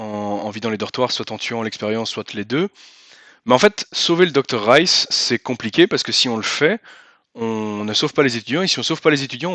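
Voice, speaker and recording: A man's voice: mid-range voice, a bit bright, no room sound. A man giving casual gameplay commentary, thinking aloud as he explains rules and moves and repeating himself for emphasis. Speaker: host and player of a cooperative card game.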